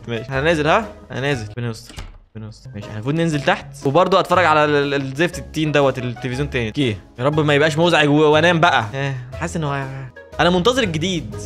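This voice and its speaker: An Egyptian Arabic-accented man narrates his own horror gameplay in a torrent of words, his voice sitting a little high. He is excitable and jokey and keeps talking back to the characters on screen, with faint music underneath. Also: very fast. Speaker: gaming video host. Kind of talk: let's play commentary.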